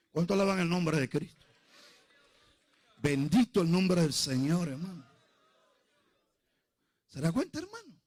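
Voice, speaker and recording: Gravelly high-voiced male preacher. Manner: storytelling, emphatic, acts out quotes. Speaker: pastor. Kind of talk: sermon.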